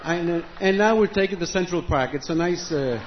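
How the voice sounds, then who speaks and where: A high, brisk male voice carries a little hiss or hum in this muffled live recording with an audience. He's from Argentina, presenting his music from an outdoor stage while joking casually and moving between languages.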